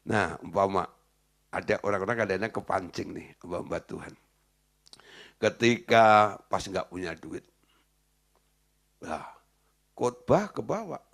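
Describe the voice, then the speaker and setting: A man's voice: deep voice, animated, measured pace, gravelly, long pauses, fairly bright tone. A man preaching a casual sermon as a pastor, firing rhetorical questions at the congregation and laughing at his own points. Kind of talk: conversational sermon.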